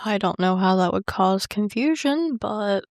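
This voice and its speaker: A woman co-hosting a casual podcast, chiming in with short reactions and dry asides. She speaks slowly at a middle pitch. The sound is dry and close. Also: expressive, no echo. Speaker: podcast co-host.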